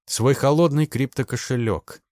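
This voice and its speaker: A man reads a story aloud in an even, measured way. His voice is mid-pitched and ordinary. The recording is dry and close, with no room. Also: no echo. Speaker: audiobook narrator. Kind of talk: scripted narration.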